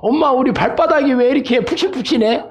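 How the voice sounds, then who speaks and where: A man's voice: extremely high pitch, fast, pitched above the performer's own voice. A man voicing a curious baby camel in a zoo, asking its mother childlike questions.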